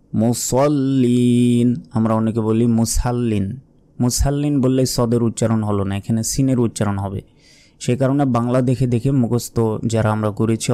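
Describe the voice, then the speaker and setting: A man teaching Quran recitation, explaining pronunciation step by step, repeating words and chanting verses with long drawn-out notes. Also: fairly low pitch, dark tone, smooth, dry recording. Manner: slow and careful, repeats words to correct pronunciation.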